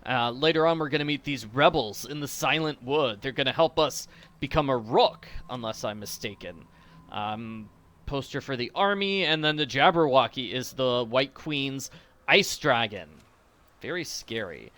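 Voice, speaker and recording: A man's voice: medium pitch, expressive, normal speed, a bit bright. A man hosting a game walkthrough with casual, playful, jokey commentary.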